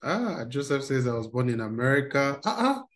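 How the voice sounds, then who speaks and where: A man's voice: mid-range voice, sing-song, normal speed, fairly bright tone. A man, running an interactive online workshop for teens over a video call. He talks in an upbeat way and reads out replies from the chat. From Nigeria. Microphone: video call webcam.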